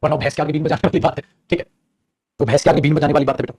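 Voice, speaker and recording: A man's voice: on the high side, fairly even intonation, very fast, a little mellow, husky, no echo. A man teaching prepositions to a class, explaining patiently and addressing students as "beta". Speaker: English teacher.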